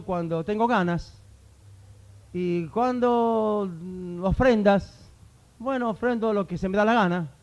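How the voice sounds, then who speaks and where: A man's voice: high voice, darkish tone. A man preaching a sermon to his congregation, telling the story with animation and acting out the voices he quotes. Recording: dull lo-fi recording.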